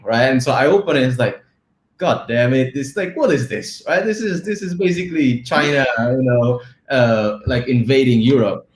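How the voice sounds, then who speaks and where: A man from the Czech Republic, a guest in an interview, talking in a relaxed, rambling way and often checking in with "right?". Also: medium pitch. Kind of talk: casual interview talk. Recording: roomy echo.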